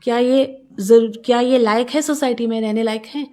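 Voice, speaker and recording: In a street interview, a local woman airs a civic complaint, arguing emphatically and firing off pointed rhetorical questions while mixing in English phrases. Her voice is fairly high yet dark in tone, steady, and at a normal speed.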